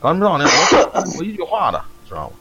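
A man's voice: huge pitch swings, very fast, a crowd in the background. A man voicing an angry old woman who curses and scolds. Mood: furious. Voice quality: scolding, shrill. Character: shrill, furious old woman cursing. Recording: dull lo-fi stream audio, faint noise.

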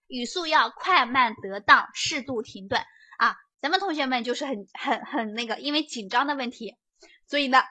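A woman giving a lively prep lecture, chatty and often checking that students follow along. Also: high-pitched, breathy edge. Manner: chatty, keeps asking students to confirm.

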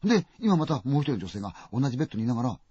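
A man telling a ghost story dramatically, full of vivid sound words and swinging from loud to hushed. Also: mid-range voice, sing-song, rapid-fire, slightly rough, no room sound. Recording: dull, dry lo-fi recording.

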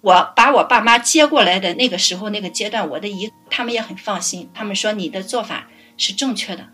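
A middle-aged woman caring for her parents, telling stories in a lively way and laughing often. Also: medium pitch, a little fast, faint music behind. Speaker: family caregiver guest. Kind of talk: casual interview storytelling.

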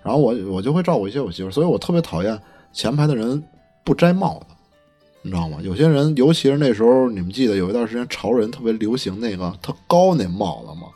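Beijing dude chatting fast, voice goes up and down a lot, bit sweary, telling stories. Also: male voice, medium pitch, breathy edge, soft background music. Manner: animated, colloquial, lightly profane. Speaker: podcast co-host. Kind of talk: casual chat, telling anecdotes.

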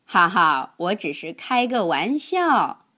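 A woman voicing a kind, playful female checkered elephant in a children's storybook, speaking calmly with a teasing edge. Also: on the low side, slow, exaggerated voice.

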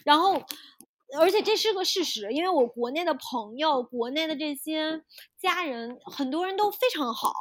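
High-voiced, emphatic Chinese woman. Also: lively intonation, normal speed. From China. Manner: emphatic, impassioned. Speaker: podcast co-host. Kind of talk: casual conversation.

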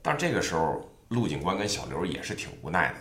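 A man's voice: low-pitched, very animated, fast, a bit bright. A man telling an adventure tale in a chatty, colloquial way, recorded with a roomy echo. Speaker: storyteller. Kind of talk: oral storytelling of an adventure tale.

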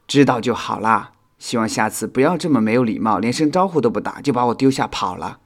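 Guy voicing a kind young bug hero, scolds his pal gently, lively tone. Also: medium pitch, a little fast. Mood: chiding. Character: young male insect hero, caring and sensible.

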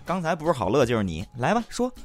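A man from Beijing with a Beijing accent, hosting and narrating a comedy sketch in a wry, deadpan manner. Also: fairly high pitch, quick pace, soft background music. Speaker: host.

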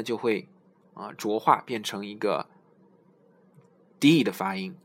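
A man's voice: medium pitch, a bit bright. Man teaching English pronunciation. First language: Chinese. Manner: explains in Chinese, models English words slowly and repeats them. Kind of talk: pronunciation lesson.

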